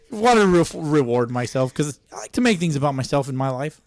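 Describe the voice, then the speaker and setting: A man co-hosting a podcast, chatting casually in an animated way, swearing and laughing often. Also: on the high side, normal speed, no echo. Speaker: podcast co-host. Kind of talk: casual chat.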